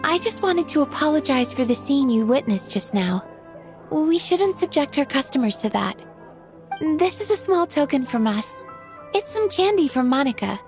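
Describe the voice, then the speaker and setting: High-voiced, courteous restaurant worker. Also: female voice, sing-song, moderate pace, a little mellow, faint music behind. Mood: apologetic, polite. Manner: polite, deferential. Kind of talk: animated game voice acting.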